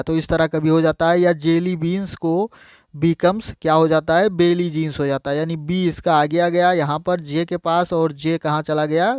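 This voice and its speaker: Man, exam-prep lecturer, reads a line then re-explains it; smooth and slightly high. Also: no room sound. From India. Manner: explains each point by repeating it in Hindi, addresses viewers as friends. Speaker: teacher.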